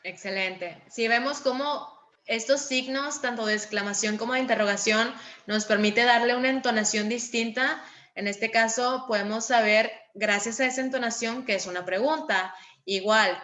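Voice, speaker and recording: A woman teacher giving a class, patient and encouraging, calling on pupils and reading examples with clear intonation. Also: fairly high pitch, moderate pace, fairly bright tone. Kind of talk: online class lesson.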